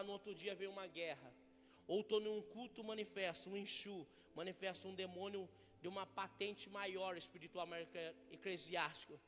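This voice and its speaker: A Brazilian man preaching a fiery sermon, jumping between loud shouts and hushed, joking asides. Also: high-pitched. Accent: Brazilian Portuguese. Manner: swings from shouting to hushed asides, jokey impressions. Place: church hall. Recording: large church hall reverb.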